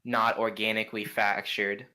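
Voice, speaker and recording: A young man running a tabletop game, his voice bright and lowish. He narrates in a flat, even tone, wandering through his descriptions with plenty of "like" and "kinda". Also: moderate pace, rough recording. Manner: meandering description full of "like" and "kinda". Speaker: game master.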